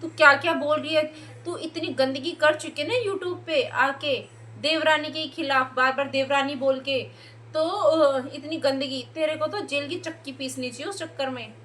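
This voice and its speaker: A woman's voice: high-pitched, fairly even intonation, normal speed, fairly bright tone, slight background noise. A young woman ranting in a heated reaction video, scolding and sarcastic, mocking the people she criticizes. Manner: scolding, sarcastic, mocks others by mimicking them. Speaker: YouTube reaction commentator.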